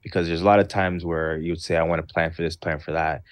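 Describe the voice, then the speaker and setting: A man giving calm motivational advice on a livestream show, pausing often with "uh", speaking through a misplaced mic. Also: sits low, dry recording. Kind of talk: casual motivational talk on a livestream.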